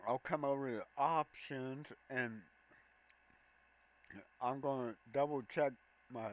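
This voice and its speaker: A man hosting a gameplay walkthrough, calmly explaining each button press step by step. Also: mid-range voice, poor audio. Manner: slow, plain step-by-step explaining of controls. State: has the hiccups. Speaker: gameplay video host.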